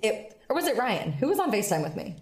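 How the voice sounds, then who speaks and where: Woman, twenties, podcast co-host, casual storytelling, animated, casual swearing. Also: mid-range voice, fast talker.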